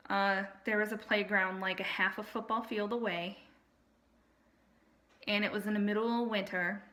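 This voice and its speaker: An adult woman shares a personal account in casual, unscripted speech. Her voice is bright and tense, sitting at an average pitch for a woman. She explains each point deliberately, with an aggrieved edge. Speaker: storyteller recounting personal family experiences.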